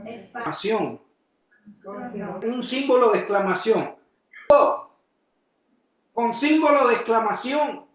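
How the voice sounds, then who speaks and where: A pastor delivers his sermon in a high voice, slowly and deliberately, firing questions at his congregation. Now and then he bursts into shouted emphasis. The sound rings through a very echoey church. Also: animated. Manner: preaching with sudden shouted emphasis.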